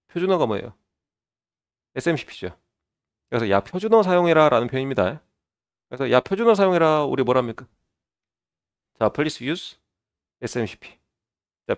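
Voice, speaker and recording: A man teaching an online exam prep lecture, explaining step by step and opening his lines with a drawn-out filler. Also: mid-range voice, gravelly.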